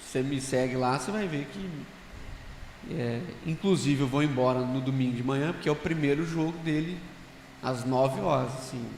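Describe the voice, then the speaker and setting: A man's voice: medium pitch, moderate pace, a little mellow, slight background noise. A man speaking on a church conference panel in a casual talk style, telling stories and asking the audience rhetorical questions. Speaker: conference panelist sharing reflections. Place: large church hall. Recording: echoey hall with long reverb, faint ambience.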